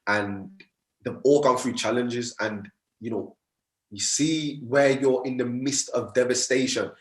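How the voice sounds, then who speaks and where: A man's voice: medium pitch, steady tone, a little slow. Earnest man, roomy sound. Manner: earnest, repeats "man" and "you get me". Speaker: mindset coach, guest. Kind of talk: podcast conversation. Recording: roomy echo.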